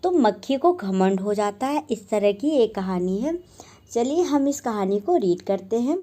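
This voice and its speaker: A woman's voice: medium pitch, lively intonation, a little slow, warm tone. A woman teacher reading a children's story aloud and patiently explaining each passage in simple words.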